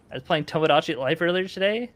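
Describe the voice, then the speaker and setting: A man's voice: fairly high pitch, a little fast, a bit bright, no echo. A man chatting casually with friends about a bingo tournament, joking, swearing and restarting his sentences. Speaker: bingo competitor. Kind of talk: casual chat.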